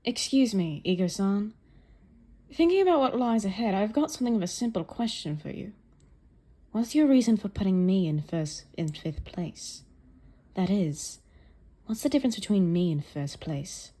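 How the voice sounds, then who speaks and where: A woman's voice: mid-range voice, animated, normal speed, warm tone, close to an everyday voice. A woman voicing a polite, bespectacled teenage boy football player who asks formal, careful questions. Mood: questioning.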